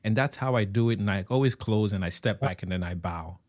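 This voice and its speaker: Male interview host from Cameroon, low voice, dry sound, reflective and halting delivery. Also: darkish tone, no echo. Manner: thoughtful, halting, laughs often. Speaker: podcast host. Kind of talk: casual conversational interview.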